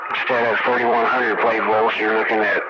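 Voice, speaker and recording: A man talks over a CB radio, relaxed and swearing freely. His voice comes through muffled, under a loud hiss of static and the hum of a fan. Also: on the low side, moderate pace. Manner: laid-back, profane, laughs often. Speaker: CB radio operator. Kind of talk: casual radio chat. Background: amplifier fan and static.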